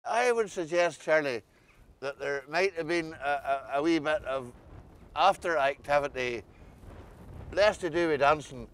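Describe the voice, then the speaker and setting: A man with an Ulster Scots accent interviewing casually, often halting and repeating words. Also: on the high side, fairly bright tone, clear, resonant tone.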